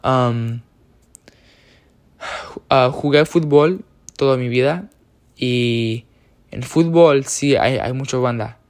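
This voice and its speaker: Young guy from the us talking about himself in spanish, lots of ums, slow and gravelly. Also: mid-range voice, darkish tone. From United States. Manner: hesitant, many fillers and self-corrections. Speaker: speaker sharing personal experience. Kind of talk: casual personal talk.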